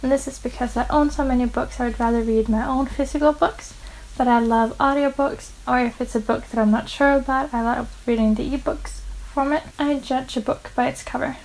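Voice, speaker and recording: This young Norwegian woman, twenty-one and a native Norwegian speaker, speaks English a little fast in a high, slightly mellow voice with fairly even intonation. As a book vlogger she chats earnestly to camera about her reading, listing personal details, and the recording is rough.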